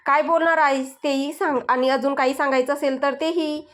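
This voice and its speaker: A woman's voice: high-pitched, fairly even intonation, a little fast, fairly bright tone. A woman voicing a teasing, stubborn young husband in a storybook. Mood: mocking. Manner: teasing, mock-formal, stubborn. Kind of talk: storybook dialogue.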